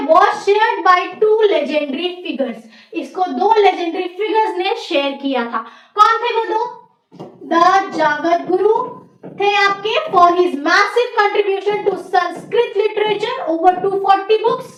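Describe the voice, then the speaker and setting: Casting note: young Indian woman, very high voice, loud exam-coaching teacher, echoey room, heard from far off. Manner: talks loudly over background noise, many "theek hai" checks. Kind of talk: exam-prep class lecture. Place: teaching room near construction work.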